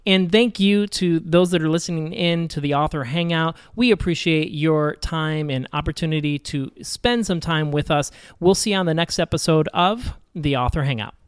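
A man hosting a podcast, gently and encouragingly asking a child questions in a casual interview. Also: fairly high pitch, normal speed, hardly any pauses, clear, resonant tone, no room sound. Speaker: podcast host.

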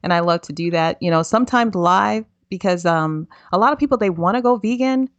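A woman's voice: lowish voice, a little fast, dry recording, highs cut off. Chatty woman podcast host. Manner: chatty, playful, self-deprecating. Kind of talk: casual interview chat.

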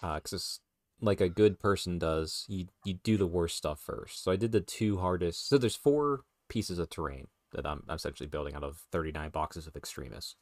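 A man co-hosting a podcast, chatting casually, rambling with restarts and quick laughs. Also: sits low, expressive, no echo. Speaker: podcast co-host. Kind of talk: casual chat.

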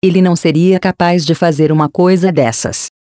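Frightened defiant girl in a storybook, read by a Brazilian narrator, mellow voice. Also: lowish voice, fairly even intonation, brisk, no room sound, studio quality, natural voice. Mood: anxious. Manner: anxious, questioning.

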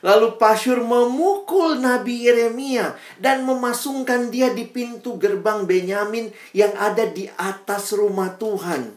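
A man's voice: very high voice, a little slow. Young guy giving a chatty fellowship talk, slangy asides, kinda echoey room. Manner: chatty and informal, with slangy asides and tag questions. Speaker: campus fellowship speaker. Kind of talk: casual devotional talk.

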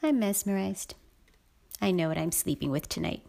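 A woman podcast host talking intimately and unscripted, musing and effusive, with a breathy voice that often drops to a near-whisper. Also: medium pitch, animated, moderate pace, warm tone.

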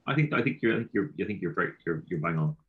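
A man's voice: sits low, expressive, racing, phone-quality sound. A man from Galway with a west of Ireland accent, talking casually and philosophically, repeating himself and leaning on filler phrases. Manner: repeats himself, peppers talk with "you know".

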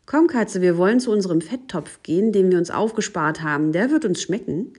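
A woman voicing a naive, good-hearted little female mouse in a read-aloud fairy tale, pitching her voice higher and speaking more emphatically than in her narration. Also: animated, fairly quick, darkish tone, slightly rough. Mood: eager.

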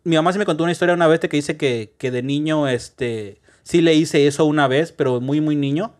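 A man's voice: fairly high pitch, a little fast. A man with a Mexican accent, a guest on a casual podcast, talking about his own childhood in an easygoing way. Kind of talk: casual chat.

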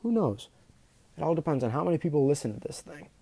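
Nervous, stammering young podcast host. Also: male voice, a little high, animated, fast talker, creaky, warm tone, husky, no echo. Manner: nervous, stumbling, many ums and restarts. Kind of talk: unscripted solo podcast talk.

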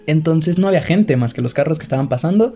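A young man with a Mexican accent, telling a story in casual chat, animated and laughing nervously now and then. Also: fairly high pitch, fast. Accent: Mexican Spanish.

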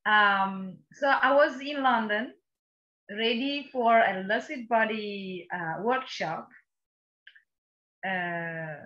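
Italian-accented woman, bright, slightly high voice, casual chat, muffled remote line. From Italy. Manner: searches for English words, laughs easily. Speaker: guest, workshop co-leader. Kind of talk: casual conversation.

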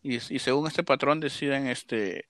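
Bright-voiced man retelling a film. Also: medium pitch, measured pace, no echo. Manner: animated retelling with sound effects and filler words. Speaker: podcast co-host recapping a film. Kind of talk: casual chat.

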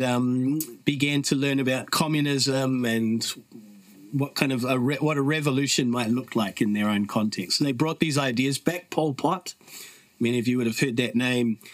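Reflective and earnest, a middle-aged New Zealand man tells casual stories on a podcast, dropping in fillers frequently. His voice is medium-pitched and the recording is dry.

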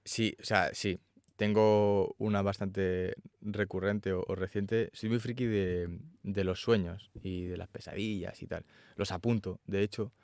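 Man, fairly low voice, animated storyteller, dry close sound. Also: unhurried, no room sound. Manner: animated storytelling, acts out quotes. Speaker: actor guest. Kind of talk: casual interview chat.

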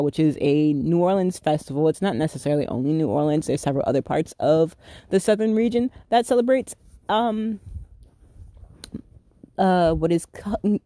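A thirty-year-old podcast host rambles through a casual solo episode, correcting themself mid-sentence as the thoughts pile up. The voice sits at an ordinary middle pitch. It is recorded dry and close, with no room sound around it. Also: dark tone, no room sound.

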